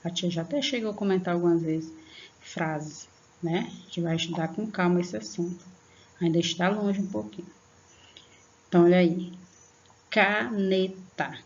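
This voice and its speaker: A woman teaching young children in an online lesson, patient and slow, stretching out example words and checking in often. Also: on the low side, darkish tone, lo-fi sound. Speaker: primary school teacher.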